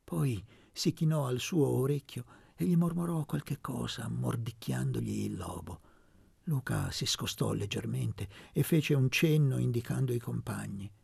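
A man reading a novel aloud as an audiobook narrator, in a measured, steady way. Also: mid-range voice, creaky, breathy edge, no echo. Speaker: audiobook reader. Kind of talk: scripted narration.

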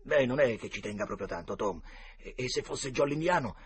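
A man's voice: mid-range voice, lively intonation, brisk, husky. A man voicing a timid, superstitious ragged boy in an audiobook, speaking hesitantly and subdued.

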